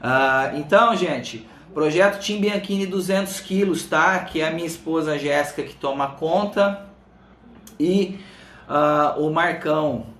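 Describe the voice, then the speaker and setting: A man's voice: fairly high pitch, a little slow, a bit bright. A Brazilian man hosting a casual live stream, chatting informally to viewers by name, his speech slightly thick from a swollen tongue. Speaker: live stream host, fitness coach. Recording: roomy, echoing room sound.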